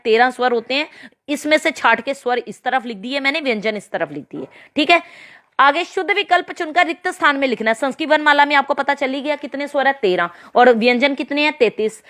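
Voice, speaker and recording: Her voice sits high with a fairly bright tone as this woman walks children through grammar. She explains slowly, spelling out each letter in turn and frequently pausing to ask checking questions.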